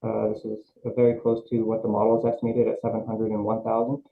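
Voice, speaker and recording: A man testifying as an assessor at a review board over a video call, halting, with many fillers and restarts. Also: fairly low pitch, monotone, gravelly. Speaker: city assessor presenting at a hearing. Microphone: remote video call, microphone held close. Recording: tinny video-call audio with faint hiss.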